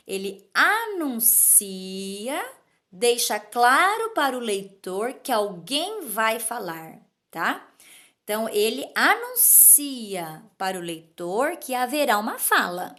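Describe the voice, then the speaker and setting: Slow, patient woman teacher. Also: on the high side, sharp tone. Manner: patient, explanatory, asks questions and checks understanding. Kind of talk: online literacy lesson.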